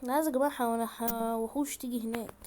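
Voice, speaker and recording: Excitable Egyptian woman gaming commentary. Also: fairly high pitch, racing, a little hiss or hum. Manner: excitable, chatty, talks to viewers. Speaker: gaming YouTuber. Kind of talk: gameplay commentary. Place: at home, in a room.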